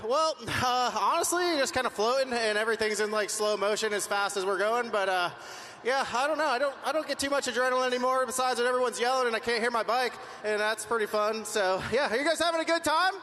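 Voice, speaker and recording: A man with a very high, bright voice chats casually as an athlete being interviewed. His phrasing is halting and informal, and it rings with long arena reverb. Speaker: freestyle motocross rider being interviewed. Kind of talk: casual post-win interview. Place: large indoor arena.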